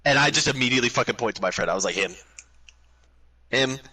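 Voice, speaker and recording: Animated young man telling a profane story. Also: medium pitch, very fast, poor audio. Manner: profane, animated storyteller who acts out the quotes. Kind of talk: casual storytelling over game chat.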